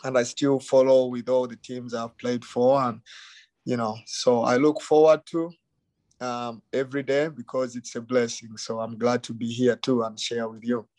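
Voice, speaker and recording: Middle-aged Ugandan-born man, easygoing guest, dry close mic, mid pitch. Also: normal speed, no echo. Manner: relaxed, many fillers like "you know" and "um". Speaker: youth soccer academy director, guest. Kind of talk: casual interview.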